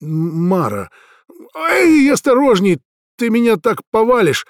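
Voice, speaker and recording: A man's voice: high voice, big pitch swings, a little slow, no echo, clean studio sound, voice pushed up, heavily acted. A man voicing a flustered, ingratiating male police detective in a raised, theatrical pleading voice for an audiobook. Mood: alarmed. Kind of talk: audiobook dialogue.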